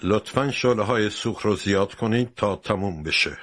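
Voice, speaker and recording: A man voicing a composed gentleman traveler in a storybook reading, speaking calmly and evenly. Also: lowish voice. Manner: calm and unhurried.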